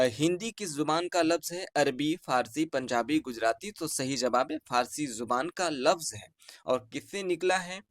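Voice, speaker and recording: Brief: male teacher, Urdu-inflected Bihari Hindustani accent, reads exam options slowly and repeats answers, mid-pitched voice, dry close sound. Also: a bit bright, no echo. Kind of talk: online exam answer-key lesson.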